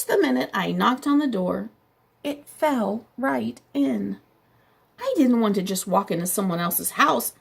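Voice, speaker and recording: A woman performs a storybook's smooth-talking male wolf who insists he's innocent. Her voice is gravelly and husky, pitched fairly high and exaggerated, and she delivers his lines in a chatty, persuasive way.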